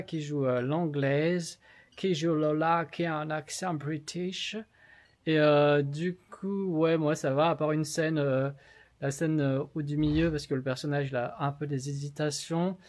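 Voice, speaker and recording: A man chats casually to the camera about rehearsing a play. He speaks in a relaxed, hesitant way and pauses often. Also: fairly high pitch. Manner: relaxed, hesitant, full of fillers. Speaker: vlogger and amateur actor. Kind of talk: casual vlog talk.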